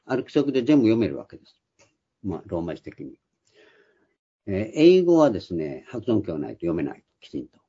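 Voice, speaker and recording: Older man, husky and dark-voiced. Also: on the low side, very animated, a little fast, long pauses. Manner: explanatory, with frequent hesitant fillers. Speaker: Bible teacher. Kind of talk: Bible study lecture. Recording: dull lo-fi recording.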